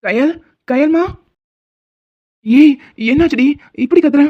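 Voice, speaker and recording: A woman voicing a teasing, doting young husband in an animated cartoon who worries easily. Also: high-pitched, takes it slowly, no echo, highs cut off. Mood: worried doting. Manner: teasing, fussing, affectionate.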